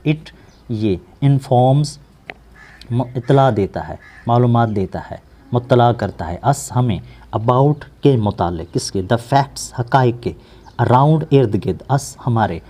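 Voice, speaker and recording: A man teaching an English lesson, slowly translating word by word and repeating each meaning with synonyms. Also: mid-range voice, expressive, dark tone. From Pakistan. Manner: slow, explanatory, repeats words and gives synonyms.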